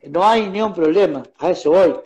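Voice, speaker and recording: A man with an Argentine accent, a musician guest speaking in a casual radio interview, telling his stories with animated acted-out exchanges. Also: high-pitched, moderate pace, highs cut off, crowd noise. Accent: Argentine Spanish. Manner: animated storyteller acting out phone quarrels. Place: radio studio.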